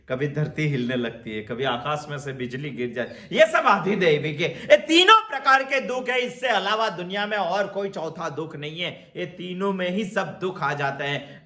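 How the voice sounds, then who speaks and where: A man giving a slow spiritual discourse on scripture, repeating his phrases for emphasis and chanting verses. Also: a little high, sharp tone, reverberant. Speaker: Upanishad teacher.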